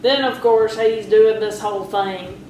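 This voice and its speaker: A woman's voice: mid-range voice, a little slow. A woman co-hosting a podcast, chatting casually and wryly while going through her notes. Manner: relaxed, wry, reads out her own notes. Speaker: podcast co-host. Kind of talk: casual chat. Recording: roomy echo, faint background hiss.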